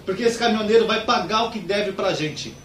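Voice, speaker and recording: A man voicing a flamboyant young man who screeches in a shrill, theatrical way, recorded far off in an echoey room. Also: fairly quick, a bit bright, a little hiss or hum.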